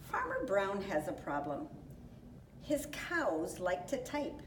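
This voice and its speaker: A woman reading a children's storybook aloud in a deliberate, expressive way. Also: medium pitch. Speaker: community volunteer reading a picture book aloud. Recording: roomy echo, distant mic, faint noise.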